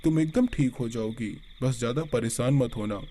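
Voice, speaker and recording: A man's voice: mid-range voice, normal speed, dark tone, a little hiss or hum, close to an everyday voice. A man voicing a protective middle-aged village mother-in-law in a horror story, soothing and bustling. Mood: reassuring.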